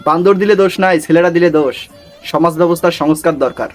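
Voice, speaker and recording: A meme review channel host with a Bangladeshi accent talks fast in a voice on the high side, teasing and mocking the memes in a scripted comic bit. Soft music plays underneath.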